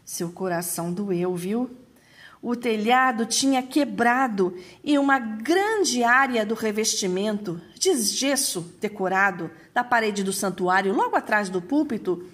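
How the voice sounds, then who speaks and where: A woman with a somewhat high, husky voice telling a story in a measured, expressive way. She now and then turns to the listener with a casual aside. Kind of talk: storytelling narration.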